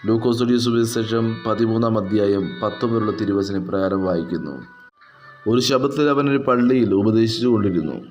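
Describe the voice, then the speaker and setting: A male pastor from Kerala with a Malayali accent, giving a solemn, measured Bible reading and devotional message. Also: fairly low pitch. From Kerala, India. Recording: dull lo-fi audio with soft music behind.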